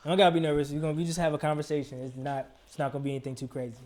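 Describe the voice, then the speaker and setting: A man's voice: a little high, little pitch movement, very fast, a little mellow, slight background noise. A man hosting a casual interview in a recording studio, asking easygoing, loose questions. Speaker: interview host.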